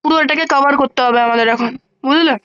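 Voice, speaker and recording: A woman giving casual gameplay commentary, chatty, thinking aloud and counting blocks out loud, with quick exclamations when surprised. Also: sits high, dull audio. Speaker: gaming channel host.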